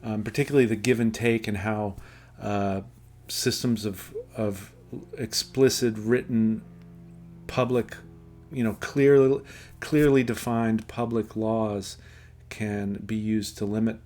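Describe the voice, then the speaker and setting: A man with a slightly low voice talks through a book he has read. He stops and restarts often, with plenty of ums, and then reads quoted passages in a steadier, measured way. The tone stays casual throughout. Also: little pitch movement, a little mellow, faint music behind. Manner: halting, lots of fillers and self-corrections. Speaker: book reviewer.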